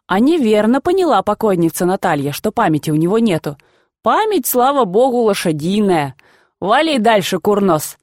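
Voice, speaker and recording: A woman voicing a gruff, excitable old grandfather in a storybook reading. He shouts, teases and banters in rough folk speech. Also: mid-range voice, normal speed, dry recording, clean studio sound. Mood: chatty.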